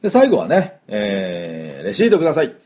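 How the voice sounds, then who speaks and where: Middle-aged guy teaching english phrases, low mellow voice, slows way down to model them. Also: huge pitch swings. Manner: explains patiently, models English phrases slowly for repetition. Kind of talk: spoken English lesson.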